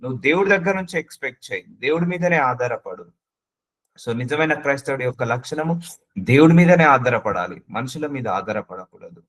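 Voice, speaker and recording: A man's voice: medium pitch, expressive, a little fast, fairly bright tone, low-quality recording. A man preaching a sermon, earnestly addressing the listener with repeated questions and slipping English words into his speech.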